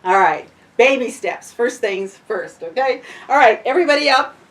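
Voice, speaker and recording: A workshop leader guides a small group through sound healing, first explaining casually with fillers and restarts, then chanting vowels and invoking the directions. She's recorded from far off the mic, her slightly high, fairly bright voice lively at a normal speed.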